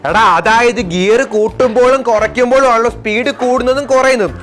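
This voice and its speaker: A woman's voice: a little high, steady tone, a little fast, faint music behind, natural voice. A woman voicing a whiny, aching bike seat in a comedy sketch, groaning and grumbling. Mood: puzzled.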